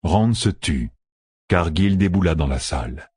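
A man narrating a fantasy audiobook in an expressive, storytelling manner, close to the mic. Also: deep voice, measured pace, slightly rough, no room sound.

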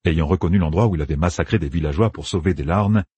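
A man narrating a fantasy audiobook with expressive storytelling. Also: deep voice, fast, slightly rough, no room sound. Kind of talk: scripted narration.

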